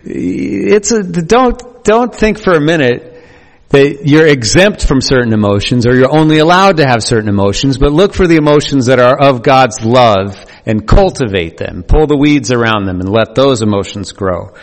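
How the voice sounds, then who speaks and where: A man's voice: mid-range voice, animated, moderate pace. Preaching man in a reverberant hall. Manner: earnest preaching with playful asides. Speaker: pastor. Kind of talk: sermon.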